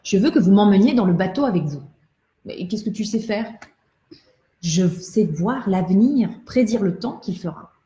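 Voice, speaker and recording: A woman voicing a small, shrewd rubber doll who tells fortunes, calm and matter-of-fact, sometimes calling out high, in a roomy echo. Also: normal speed, close to an everyday voice. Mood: confident.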